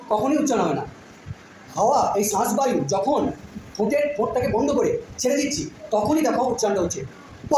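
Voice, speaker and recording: A woman teaching a phonetics lesson to a class, patiently repeating sounds and often checking that students follow. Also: on the high side. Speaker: school teacher. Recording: very echoey room, noisy background.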